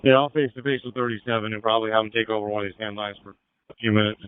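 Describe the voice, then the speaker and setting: A man's voice: on the low side, steady tone, rapid-fire, clean tone, dry recording, narrow, tinny audio. An American man working as a fire officer, giving terse, practical updates in police-radio style over a radio transmission. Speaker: firefighter officer.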